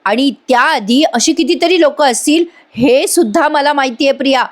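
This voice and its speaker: A woman's voice: sits high, normal speed, pitched above the performer's own voice, lightly acted. A woman voicing an angry young man who accuses his wife and rejects her claim. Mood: accusing. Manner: harsh, accusing. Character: angry young husband Ashwin, cold and accusing.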